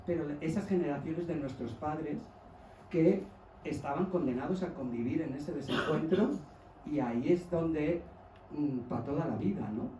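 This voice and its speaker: A man's voice: a little high, moderate pace, dark tone, reverberant, distant mic, a little hiss or hum, low-quality recording. A man from Mallorca, a journalist, asking the author questions in a playful, curious way. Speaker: journalist guest. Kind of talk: book presentation talk.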